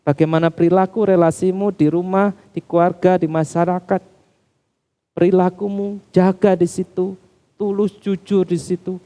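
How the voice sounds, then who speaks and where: A man preaches a sermon to a church congregation. His voice sits somewhat high with a warm, mellow tone. He addresses the listeners directly again and again, his pitch climbing and dropping. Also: flat delivery, moderate pace. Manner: addresses congregation as Bapak Ibu Saudara, pitch rising and falling widely. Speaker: pastor.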